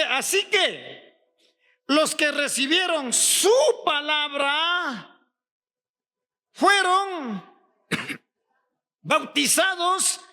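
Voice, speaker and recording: A pastor from Ecuador preaching a sermon, firing rhetorical questions at the congregation and rising to shouts on key points. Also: male voice, extremely high pitch, creaky.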